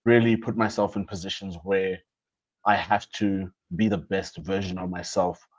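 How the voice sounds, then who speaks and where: Deep-voiced and fairly even in intonation, a young man co-hosts a podcast at normal speed, chatting reflectively and casually with plenty of restarts and slang. Soft background music plays under a dull lo-fi recording.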